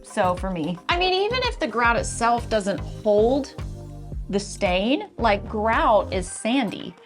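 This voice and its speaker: A woman's voice: on the high side, sing-song, takes it slowly, soft background music. A woman co-hosting a home renovation video, talking candidly in casual chat and laughing easily at herself. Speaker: co-host of a home renovation channel.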